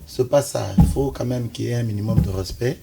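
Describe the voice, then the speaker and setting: A political commentator from Kinshasa, Congo, argues his analysis insistently on a talk-show debate, pushing back whenever he's interrupted. His voice is mid-range, a little fast and creaky, against heavy background noise.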